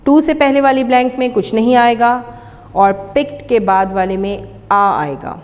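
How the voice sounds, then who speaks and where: A woman with a Pakistani accent, teaching an English lesson and slowly sounding out each word. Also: fairly high pitch, darkish tone, in a large hall, faint music behind. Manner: slow, deliberate sounding-out of words. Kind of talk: classroom lesson on pronunciation.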